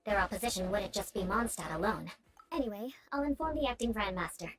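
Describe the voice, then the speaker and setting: A woman's voice: medium pitch, animated, quick pace, a crowd in the background, natural voice. A woman voicing a proud, vengeful young female knight in a video game, with haughty, theatrical, formal delivery. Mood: serious, measured.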